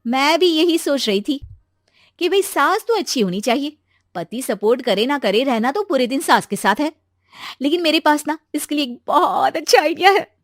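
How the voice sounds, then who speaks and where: A spirited, free-thinking young woman, played by a female narrator, chirpy and outspoken in a cartoon family drama. The voice is very high and swoops in a lively way, with a dry sound. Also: normal speed, no room sound. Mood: eager.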